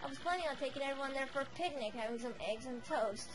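A woman voicing a fawning old female witch servant with a raspy, soft voice. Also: high voice, fast, noisy background, lightly acted. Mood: sly.

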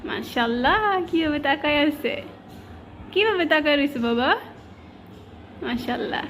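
A woman's voice: sits high, animated, normal speed, fairly bright tone, a little hiss or hum. A woman talking baby talk to her pet cats, coaxing and asking them the same questions again and again. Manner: cooing, coaxing, repeating questions. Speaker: cat owner.

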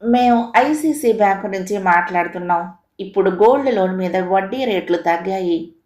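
A woman's voice: normal speed, a little mellow, natural voice. Pushy bank telemarketer, read by a woman. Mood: salesy. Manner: salesy, pitching. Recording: echoey room recording.

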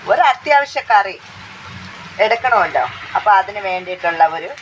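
A hoarse woman with a Kerala Malayalam accent chats away while cooking in her home kitchen. She repeats her phrases and keeps asking her listeners questions. She holds the phone mic herself, with faint frying sounds behind. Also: fairly low pitch, dull audio, slight background noise. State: hoarse from talking. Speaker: cooking vlogger. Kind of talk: casual chat while cooking. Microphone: handheld phone.

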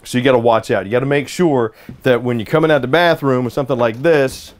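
A man's voice: medium pitch, fast. A man in his forties giving an upbeat, jokey walkthrough tour of a travel trailer, recorded on a nearby camera inside and around the trailer. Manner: upbeat, jokey salesman patter. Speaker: RV reviewer.

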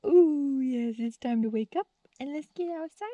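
A woman's voice: high-pitched, normal speed, dark tone, dry recording, dull audio. A woman chatting playfully in a casual vlog recorded outdoors in the desert. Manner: bubbly, playful, laughs often. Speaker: vlogger.

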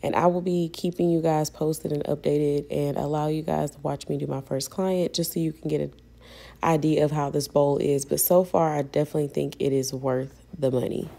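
Woman vlogger, young adult, low mellow voice, chatty, calls viewers y'all. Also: fairly even intonation, normal speed, gravelly. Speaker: vlogger and hairstylist. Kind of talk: casual voice-over vlog narration.

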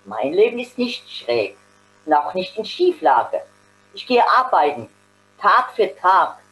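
A woman's voice: fairly low pitch, sing-song, measured pace, slight background noise, low-quality recording. A woman reading aloud voices an indignant working man in a story, her tone insistent and a bit raised.

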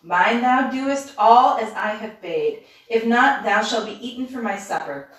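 A woman voicing a ravenous, menacing old witch who gives loud commands in old-fashioned speech, in a storybook reading. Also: a little high, lively intonation, measured pace. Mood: bossy. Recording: echoey room from far off.

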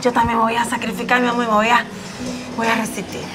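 A woman's voice: a little high, monotone, fast talker, noisy background, natural voice. A woman playing a wife saying goodbye to her husband, melodramatic and pleading. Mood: tearful. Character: tearful young wife left behind. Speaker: comedy sketch actor. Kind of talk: comedic sketch dialogue. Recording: music track underneath.

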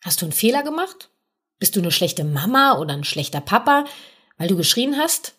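Woman, husky, calm coaching tone, talks straight to the listener, podcast host. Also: mid-range voice, brisk. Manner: gentle, explanatory, addresses listener directly with tag questions. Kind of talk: podcast monologue giving parenting advice.

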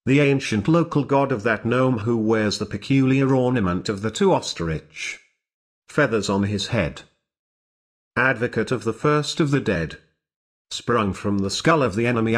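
A man recites ancient religious epithets in a slow, solemn, declamatory reading, in short separated phrases. His medium-pitched voice has lively intonation and a measured pace.

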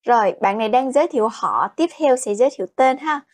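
A woman's voice: fairly high pitch, animated, a little mellow. Woman teaching Chinese. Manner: explains in Vietnamese, models Chinese slowly, keeps asking "Được chưa?". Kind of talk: language lesson.

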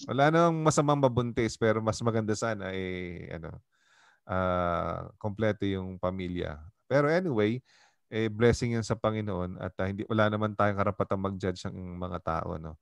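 A man's voice: fairly low pitch, moderate pace, gravelly, clear, resonant tone, no echo. Man with a Filipino accent, pastor, chatty Bible study teaching, dry close sound. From Philippines. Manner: conversational, mixing in English, keeps asking "di ba?".

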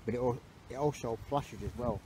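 A man at a night churchyard vigil, explaining ghost-hunting gear in halting, restarting phrases. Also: medium pitch, background noise. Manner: halting, restarts mid-word.

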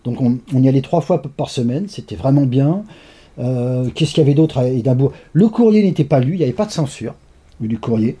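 A man from France, a guest in a conversational interview, telling animated stories with lively asides. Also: mid-range voice, fairly quick, slightly rough.

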